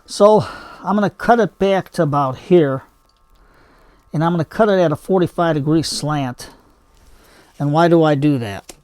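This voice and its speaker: A man's voice: fairly high pitch, moderate pace, pauses often, darkish tone, no room sound. An older man hosting a hobby gardening video, chatting casually in a homespun, rambling way as he demonstrates by hand. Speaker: bonsai hobby video host.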